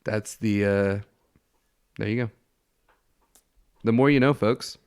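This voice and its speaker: A man's voice: fairly low pitch, takes it slowly, darkish tone, smooth, no room sound, clean studio sound. A man hosting a casual podcast, sounding nasal and congested from a head cold that blocks his nose. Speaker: podcast host.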